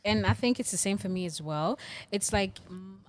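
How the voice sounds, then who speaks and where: A woman's voice: medium pitch, normal speed. A young woman from Africa co-hosting a casual chat, laughing easily and explaining things carefully. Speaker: podcast co-host.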